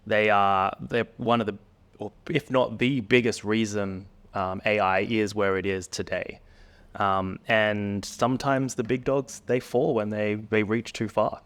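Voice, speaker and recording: A man with a somewhat low voice co-hosts a podcast. He talks casually, with plenty of enthusiasm and emphasis. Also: steady tone, unhurried, a bit bright. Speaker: podcast co-host. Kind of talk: casual chat.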